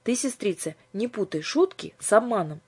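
A woman voicing a sensible, principled teenage girl who speaks firmly and reasonably, with a breathy voice. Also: mid-range voice, animated, moderate pace, darkish tone, voice pushed up. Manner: firm and reasonable.

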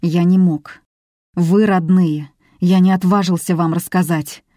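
Here is a distraught grown son who confesses in a hesitant, apologetic way, read by a woman. The voice sits low and dark. It is recorded dry and close, like a studio audiobook. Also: steady tone, a little slow, no echo. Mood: crushed, confiding.

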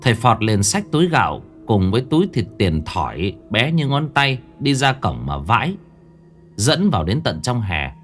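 A man's voice: on the low side, moderate pace, soft background music. A man narrating a ghost story in a dramatic storytelling manner. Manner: dramatic, animated.

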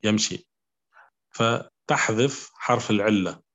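A man teaching a grammar lesson, speaking slowly and repeating his examples, often checking with the class whether it is clear. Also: fairly low pitch, a bit bright. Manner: slow, repetitive, asks "clear?" often. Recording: dull lo-fi recording.

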